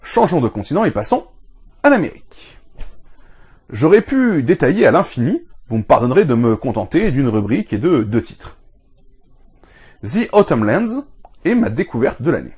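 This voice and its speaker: Man, comic book reviewer, husky voice, very lively intonation, enthusiastic scripted delivery. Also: fairly high pitch, moderate pace, pauses often. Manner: animated, enthusiastic recommendations.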